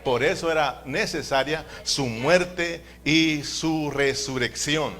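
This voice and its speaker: A man's voice: on the high side, slow pace, fairly bright tone, soft background music. A man preaching a sermon in a church, emphatic, calling his listeners brothers and asking them to repeat after him.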